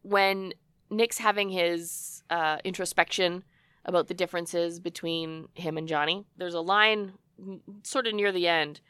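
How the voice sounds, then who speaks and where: A woman co-hosting a casual book discussion, her voice husky and rough with congested sinuses, like a smoker's rasp. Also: lowish voice, fairly even intonation, measured pace, a bit bright, dry recording. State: congested sinuses, cough-prone from smoky air. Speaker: podcast co-host.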